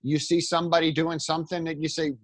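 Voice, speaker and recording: A fairly high-pitched man talks fast but with flat delivery while co-hosting an animated, casual conversation about writing. As a writer, he rambles with emphasis, acts out imagined thoughts, and offers motivational encouragement, captured in clean studio sound with no room sound.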